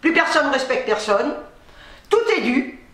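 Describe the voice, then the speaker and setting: A woman vlogger chatting casually to camera, swearing freely as she tells animated stories. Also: high-pitched, unhurried, echoey room.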